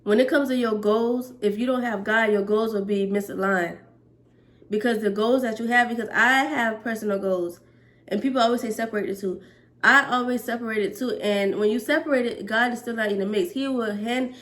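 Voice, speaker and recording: A woman's voice: on the high side, moderate pace, fairly bright tone. A woman in her twenties, a hair braider, talking earnestly to camera about faith and work in a preachy, list-building way. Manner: earnest, preachy, speaks in repeated lists. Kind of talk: casual faith-based monologue to camera.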